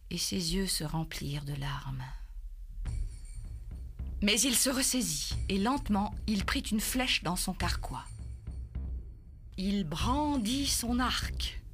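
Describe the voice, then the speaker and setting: A woman narrates a children's storybook, slowly and dramatically. Her voice sits low. Music plays clearly behind her. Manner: dramatic, measured.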